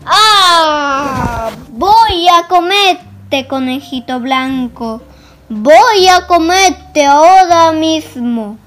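Man voicing a big bad storybook wolf, hungry and wicked, loud growling shouts, high voice, unhurried. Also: lively intonation, slight background noise, full character voice. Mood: menacing. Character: huge wicked hungry male wolf with a speech defect.

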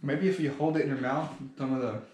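A young man co-hosting a podcast, talking in a relaxed, conversational way. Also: mid-range voice, fast talker, roomy sound, slight background noise. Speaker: podcast co-host. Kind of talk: casual chat.

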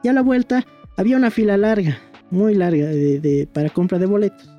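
A man's voice: sits high, fairly quick, dull audio, faint music behind. A young man with a Bolivian Spanish accent, telling a personal story in a rambling, casual way, with many fillers and tag questions. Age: young adult. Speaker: young historian guest.

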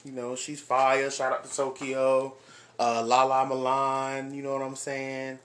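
A man in his twenties hosting a casual podcast, animated and hyped, full of slang and exclamations. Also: mid-range voice, measured pace. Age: 20s. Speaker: podcast host.

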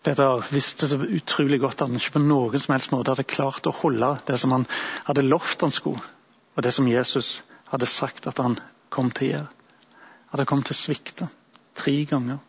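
A male preacher giving a sermon, retelling a Bible story in a reflective, imaginative way with thoughtful pauses. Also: medium pitch, fairly even intonation, gravelly, breathy edge, muffled recording.

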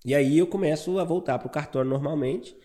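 A Brazilian man in his thirties, a barber, telling his story as a guest in a casual interview, animated and calling the listener "cara". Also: a little high, fairly quick. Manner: animated, fills talk with "cara".

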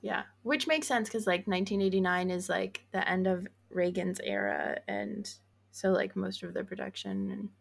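A woman with a mid-pitched, gravelly voice full of vocal fry co-hosts a relaxed podcast conversation. She talks earnestly and chattily, leaning on "like" and "um". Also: normal speed. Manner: earnest, chatty, frequent "like" and "um", light laughs. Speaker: podcast co-host. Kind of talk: casual chat.

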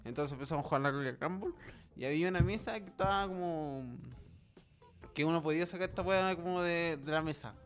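A man's voice: on the high side, brisk, fairly bright tone, soft background music. A young man with a Chilean accent, chatting casually as podcast co-host with laid-back, dry slang remarks. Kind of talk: casual chat.

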